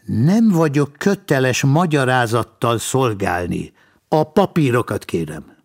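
A man's voice: mid-range voice, very animated, gravelly. A man voicing a stiff, pompous traffic policeman who speaks in a stern, formal way. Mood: officious.

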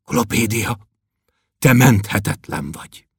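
A man's voice: a little high, very animated, fairly bright tone, no room sound, studio quality, pitched above the performer's own voice. A man voicing a burly, melodramatic poet who wails in mock-tragic self-pity.

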